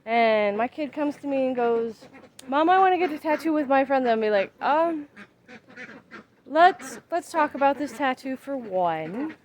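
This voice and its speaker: A woman in her thirties vlogs while working outdoors in her backyard, chatting casually in a rambling, emphatic way. Her voice sits high and sounds animated yet unhurried.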